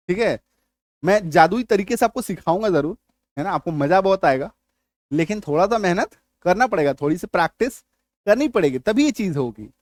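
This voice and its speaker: Recorded with clean studio sound and no room echo, a man whose voice sits high teaches English spelling rules in an Indian accent. Throughout the lesson he drills words, says things more than once, and asks repeatedly whether his learners are following.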